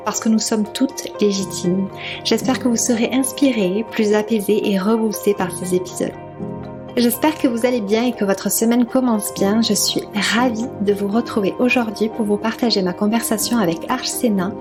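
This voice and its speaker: A woman hosting a podcast, speaking softly and warmly about slow living, then chatting with a guest. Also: a little high. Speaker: podcast host. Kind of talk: scripted intro then casual interview.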